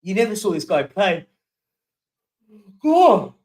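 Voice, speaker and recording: A man's voice: high voice, expressive, normal speed, far from the mic, rough recording. A young man hosting a casual live-stream chat, reading out viewer comments and yawning now and then. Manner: chatty, keeps yawning and apologising.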